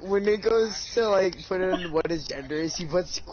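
A man's voice: sits high, normal speed, crowd noise. A man teasing his friend during a casual gaming session. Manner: teasing, laughing. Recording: lo-fi with background noise.

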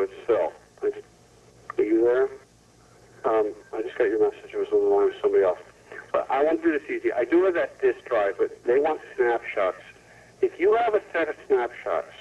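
A man's voice: medium pitch, husky, far from the mic. A man leaving a casual, businesslike answering machine message, giving instructions and repeating details over a tinny telephone line. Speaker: caller leaving a phone message. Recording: muffled, tinny 1990s answering machine tape.

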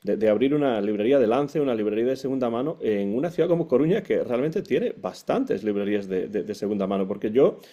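A man's voice: medium pitch, lively intonation, quick pace, few pauses, mellow. A middle-aged man from Vigo, Spain, hosting an interview on a video call, asking questions hesitantly with repeated words. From Spain (Vigo, Galicia). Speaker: interviewer host. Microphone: earphone mic on video call. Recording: dull lo-fi call audio.

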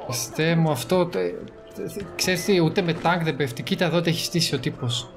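A man from Greece giving playful, teasing commentary while playing a video game. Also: a little high. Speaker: gaming channel host. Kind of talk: joking let's-play commentary. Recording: voice over game music.

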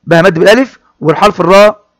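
Male teacher, high-pitched, slow repetitive explanations for young pupils, dry close sound. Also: a bit bright, no room sound. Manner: explains each word slowly, addressing pupils, repeating phrases. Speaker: primary school teacher. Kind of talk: classroom reading lesson.

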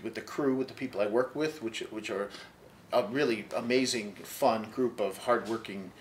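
An older man with a laid-back, wry way of talking, sitting in an armchair in a bookstore and speaking into a lapel mic. He is an author and long-haul trucker, and his stories often trail off quieter. A faint noise sits under the voice. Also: on the low side, normal speed, low-quality recording. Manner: wry, easygoing, drifts quieter as he goes on. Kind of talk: casual interview storytelling.

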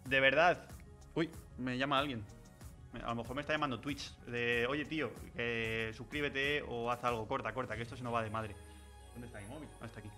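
A man's voice: mid-range voice, fairly even intonation, fast talker, sharp tone, soft background music. A man chatting playfully on a livestream, joking and laughing often. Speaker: miniature painting streamer. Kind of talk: casual livestream chat.

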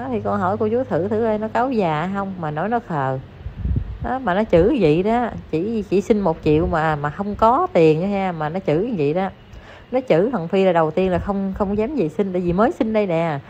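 A woman's voice: on the low side, a little mellow. A woman with a Southern Vietnamese accent giving chatty, scolding gossip commentary straight to her viewers. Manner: chatty, scolding, addresses listeners as aunts and uncles. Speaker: online commentator. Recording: dull lo-fi recording with faint noise.

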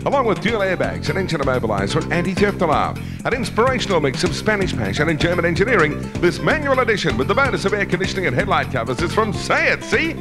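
Booming Australian male prize announcer, high-pitched, animated. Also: quick pace, few pauses. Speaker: game show prize announcer. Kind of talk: scripted prize narration. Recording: loud music under voice, 1990s TV broadcast. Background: loud music.

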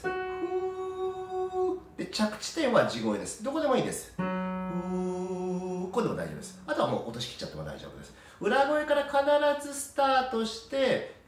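A man's voice: sits high, echoey room, far from the mic. A man from Kanagawa, Japan, working as a vocal coach who explains singing exercises in a friendly way and demonstrates them. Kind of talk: instructional voice lesson.

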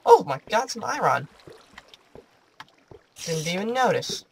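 Man, let's play commentary, slow-paced, jumpy, chats to game monsters. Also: sits high, big pitch swings, slight background noise. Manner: jumpy, chatty, talks to game creatures. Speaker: gaming video host.

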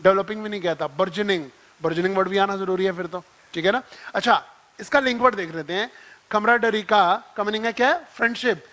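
A man's voice: high-pitched, brisk, bright, forceful tone. A man with an Indian accent teaching vocabulary in a classroom, explaining words through playful examples and little acted-out scenes, switching between Hindi and English.

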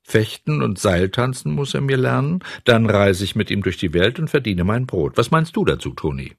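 Man voicing old storybook woodcarver, hot-tempered, eager, husky, lively. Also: lowish voice, moderate pace, no room sound, studio quality, voice pushed up, exaggerated voice.

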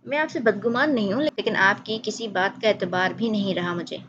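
A woman's voice: mid-range voice, fairly bright tone, a little hiss or hum, natural voice. Brief: woman reading as harsh, accusing grown man, blunt, lo-fi audio. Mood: stern. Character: angry grown man, cold and stern.

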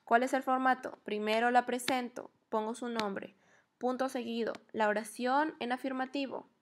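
A young woman from Peru teaching English to children in a lively online lesson, asking questions and slowing down to model each English phrase. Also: on the high side, a little hiss or hum. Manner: lively, questioning, slows to spell out English words.

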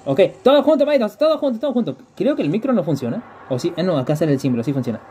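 Lively, husky-voiced streamer. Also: male voice, high voice, rapid-fire. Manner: chatty, greets viewers, repeats phrases in bursts. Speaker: game streamer. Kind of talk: live gameplay stream, chatting with viewers.

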